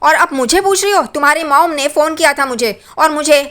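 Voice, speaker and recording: A woman's voice: high voice, a little fast, a bit bright, voice pushed up. A woman reading an indignant young wife scolding. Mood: furious. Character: furious young wife confronting a relative.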